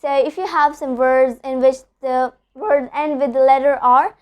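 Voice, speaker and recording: A woman's voice: high voice, steady tone, measured pace, clear, resonant tone, highs cut off. A young woman teaching English pronunciation in an online lesson, patiently repeating example words and checking in with "okay?".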